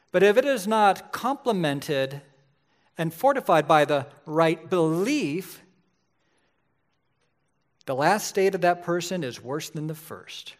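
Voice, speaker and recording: A man in his forties preaching a sermon in a conversational way, often checking in with "right?". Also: high voice. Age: 40s. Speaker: pastor.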